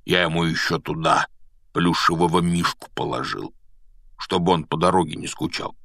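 A man voicing a big, gruff, sentimental gamekeeper who blusters and fusses, recorded dry and close. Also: fairly low pitch, animated, measured pace, dry recording. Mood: tearful hushed.

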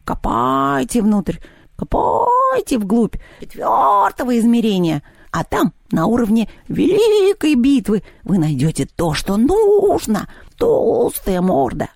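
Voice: big pitch swings, creaky, dry recording, clean studio sound, exaggerated voice. A shrieking, theatrical mermaid aunt. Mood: chanting. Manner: shrill, shouting, drawn-out wailing vowels.

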